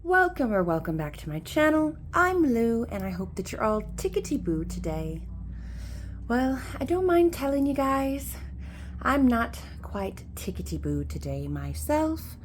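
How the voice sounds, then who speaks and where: A woman YouTuber chats casually in a chatty, homely persona, putting on a mock Irish or Scottish lilt and rambling with folksy phrases and lots of fillers, in a sad mood. Her voice is fairly high with big pitch swings and a slightly slow pace, and there is slight background noise.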